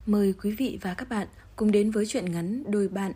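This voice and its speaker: A woman reads a scripted podcast introduction calmly and evenly. Her voice is warm and mellow, with a husky edge. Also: mid-range voice, normal speed. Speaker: podcast presenter.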